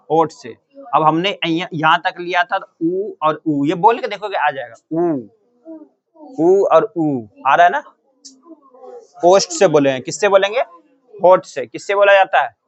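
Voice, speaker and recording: Slow drilling male teacher, dull recording. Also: on the high side. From Bihar, India. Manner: drills students with repeated questions and answers. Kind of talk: classroom grammar lesson. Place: coaching classroom.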